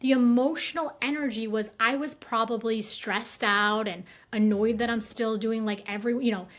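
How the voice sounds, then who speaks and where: A woman in her thirties, speaking as a podcast guest who consults on workplace neuroscience. Her voice sits a little high, and she talks earnestly with strong emphasis, rushing ahead in quick bursts. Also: fairly even intonation. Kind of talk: casual interview conversation.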